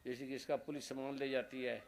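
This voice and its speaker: A man's voice: medium pitch, little pitch movement, fairly quick, creaky. A man, a spiritual guru, preaching a devotional sermon in short, repeated phrases, stern and earnest.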